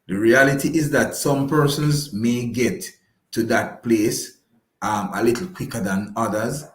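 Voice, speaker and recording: As a guest on a live radio broadcast, a man offers conversational advice in a mid-range, somewhat slow voice with a reverberant sound. He's emphatic and reassuring, returning again and again to key phrases.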